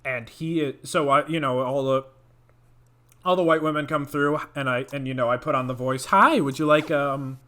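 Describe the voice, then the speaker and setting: A young man co-hosting a podcast, telling a story in casual chat, animated and swearing often. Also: medium pitch, moderate pace. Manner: animated, swears a lot, acts out quoted voices. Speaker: podcast co-host.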